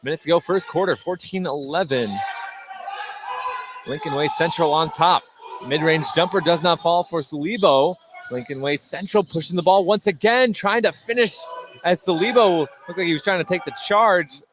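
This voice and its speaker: Speaking at a moderate pace in a fairly high voice, a man delivers live radio play-by-play of a basketball game using short, clipped phrases. Clear background noise from the gym, including bouncing balls and general gymnasium ambience, fills the recording.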